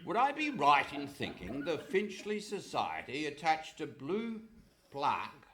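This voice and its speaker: A blustering comic police inspector in a radio play on stage. The voice is high and bright, swinging excitedly up and down with theatrical exclamations. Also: male voice, measured pace, exaggerated voice. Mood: officious. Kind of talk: Goon Show comic radio theatre acting. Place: live performance in a hall. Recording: noisy live stage recording.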